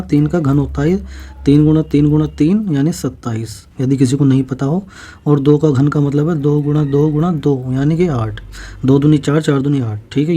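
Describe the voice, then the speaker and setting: In a warm voice that sits on the high side, a man teaches maths for exam preparation. He moves step by step, slowly and with repetition, asking questions and then answering them.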